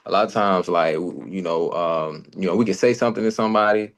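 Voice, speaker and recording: Man, very low voice, casual podcast co-host, friendly, circles back over his points. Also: fast talker. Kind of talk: casual conversation.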